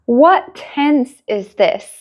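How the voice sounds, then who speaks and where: A woman teaching a beginner English lesson, drilling simple sentences slowly and clearly with long pauses. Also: high-pitched, animated, lo-fi sound.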